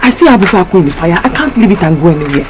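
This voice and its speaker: A woman's voice: fairly low pitch, sing-song, very fast. A woman with an Igbo-influenced Nigerian accent acting a harried, pleading young working woman in a film drama. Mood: flustered. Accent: Nigerian, Igbo-influenced English. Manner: pleading, exclamatory. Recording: music behind the dialogue.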